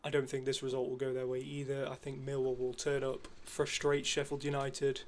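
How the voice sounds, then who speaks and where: A man guesting on a casual football predictions chat, relaxed with frequent ums and uhs. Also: mid-range voice, a little fast, a little hiss or hum.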